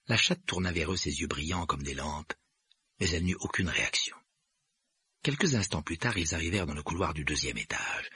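Audiobook narrator, man: low, husky, animated, dry close mic. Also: no room sound. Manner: expressive storytelling. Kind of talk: scripted narration.

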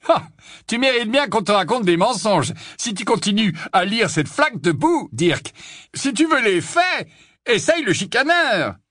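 A blunt, opinionated man who scoffs at what others read, as a storyteller voices him. His voice sits high and bounces around, with a husky grain. Recorded close and dry. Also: sing-song, unhurried, a bit bright, no room sound. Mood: scornful. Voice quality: scornful.

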